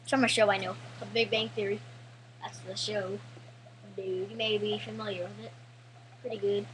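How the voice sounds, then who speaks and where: A woman's voice: medium pitch, level tone, normal speed, a little hiss or hum, poor audio. A teenage girl giving casual, rambling, jokey gameplay commentary full of "like" and restarts.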